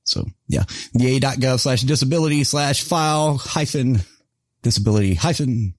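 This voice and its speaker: A man hosting a casual podcast, telling rough, profane stories about military service with frequent laughter. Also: mid-range voice, normal speed, no echo. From rural area. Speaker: podcast host.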